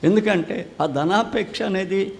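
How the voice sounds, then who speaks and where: A man with a Telugu accent preaches a sermon, pressing his points by saying them twice. His voice is gravelly and a little high. It rings out with a long reverb from the church hall. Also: unhurried. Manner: emphatic preaching with repetitions. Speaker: pastor.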